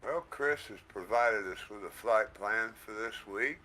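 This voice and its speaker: A man's voice: on the low side, a little slow, bright, forceful tone. A man hosting a livestream through a headset mic, casual and easygoing, often thanking his viewers. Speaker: livestream host.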